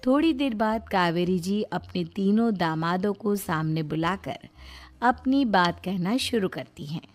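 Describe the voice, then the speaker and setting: A woman's voice: on the low side, animated, measured pace. Woman narrating a story over music. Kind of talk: scripted Hindi moral-story narration with character dialogue. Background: background music.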